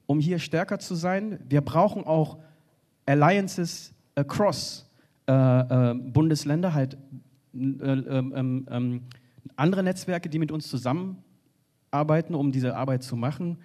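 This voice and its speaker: A man speaking earnestly on a panel from a stage, often halting and restarting. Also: fairly high pitch, a little mellow. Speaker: panel speaker for a refugee organization. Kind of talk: spoken panel contribution. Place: stage in a hall.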